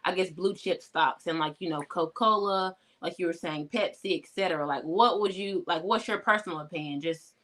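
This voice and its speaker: A woman's voice: fairly low pitch, brisk, hardly any pauses, fairly bright tone. A woman hosting a casual chat, asking long rambling questions full of fillers. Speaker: host.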